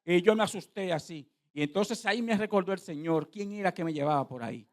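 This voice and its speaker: Animated preacher with a high voice. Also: male voice, fairly quick. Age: middle-aged. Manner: animated storytelling preacher, swings from quiet asides to loud proclaiming. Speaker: pastor. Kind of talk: sermon.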